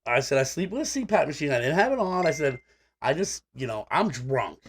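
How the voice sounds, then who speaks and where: A man's voice: a little high, big pitch swings, fairly quick, slight background noise. A man co-hosting a casual podcast, telling a story in a blunt, profane, rambling way. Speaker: podcast co-host.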